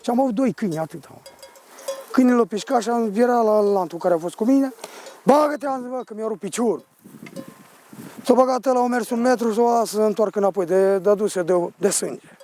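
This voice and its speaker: A man working as a shepherd, telling a personal story in a rough, rambling, vivid way. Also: sits high, mellow, a little hiss or hum.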